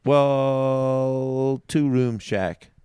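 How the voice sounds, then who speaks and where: A man's voice: mid-range voice, fairly even intonation, very slow, dark tone, clear, resonant tone, no room sound. A young man hosting a podcast in casual chat, goofy and playful, laughing often. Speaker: podcast host.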